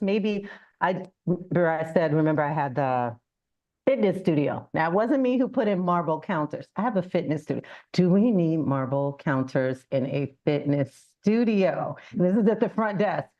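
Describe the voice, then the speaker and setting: A woman with a lowish, warm voice speaks as a guest at an informal business presentation, keeping it conversational with rhetorical questions and acted-out examples. The audio sounds dull.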